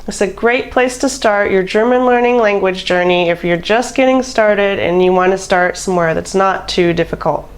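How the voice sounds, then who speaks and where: A woman giving a vocabulary lesson, reading word pairs in a slow, deliberate way. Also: mid-range voice. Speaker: language teacher. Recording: faint background music. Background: faint background music.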